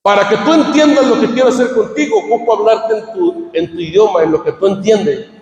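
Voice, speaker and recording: A man preaching a fervent sermon as pastor, swinging between shouted climaxes and quiet asides. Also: high-pitched, fairly quick, lo-fi sound. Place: church hall. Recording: echoey church hall.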